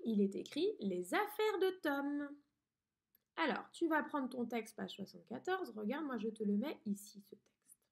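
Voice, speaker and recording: A woman teaching a dictation lesson to a young pupil, pronouncing each word slowly and clearly. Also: high voice, a little mellow. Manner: slow, clearly articulated teacher talk to a child. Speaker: primary school teacher.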